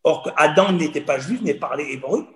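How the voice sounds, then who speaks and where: Man in his forties, from Cameroon, higher voice, earnest storyteller, echoey room. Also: expressive, a little fast. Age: 40s. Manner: earnest, storytelling, repeats phrases. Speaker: guest. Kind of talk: personal testimony in conversation. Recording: roomy echo.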